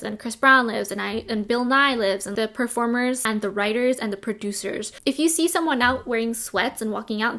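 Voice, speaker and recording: A woman with a Southern California accent talks at a rapid clip in a fairly high voice. She explains things like a casual chat, informal and peppered with "like". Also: fairly bright tone. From Orange County, Southern California. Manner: informal, frequent filler "like". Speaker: presenter explaining local slang.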